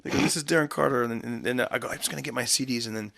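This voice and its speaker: A man's voice: mid-range voice, rapid-fire, gravelly, fairly bright tone. A man, a comedian, rambling through a story in casual podcast chat and laughing often. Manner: rambling, laughing, full of fillers. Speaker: comedian guest.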